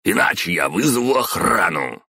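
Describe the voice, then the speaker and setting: An irate office boss who barks and shouts at a subordinate, his voice jumping up in pitch when he loses his temper, as a male audiobook narrator puts him on. Underneath sits a very deep, gravelly voice, recorded dry and close. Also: animated, measured pace, no room sound, full character voice. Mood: furious shouting. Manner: barking, shouting, then pleading in terror. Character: irate middle-aged male department boss.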